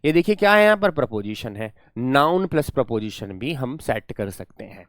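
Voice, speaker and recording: A male teacher walks students through a grammar lesson, his pitch rising and falling in an animated sweep. He coaxes the class along in a friendly, encouraging way. The sound is close and dry, with no room around it. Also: normal speed, no echo. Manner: lively, coaxing, calls students "my friend" and "my child". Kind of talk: classroom lecture.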